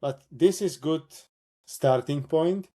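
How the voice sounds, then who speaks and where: A man with a Slovak accent presents a live software workshop, speaking slowly in a slightly high voice. He talks through a demo, using many fillers and often correcting himself.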